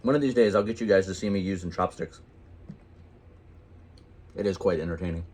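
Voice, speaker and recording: A man's voice: sits low, brisk, a little mellow. A man co-hosting a vlog, joking and chatting casually over a meal. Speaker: co-host.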